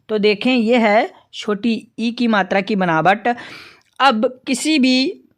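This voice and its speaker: Slow, careful woman teaching reading. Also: mid-range voice. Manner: slow, careful, spells out sounds syllable by syllable. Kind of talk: reading lesson for beginners.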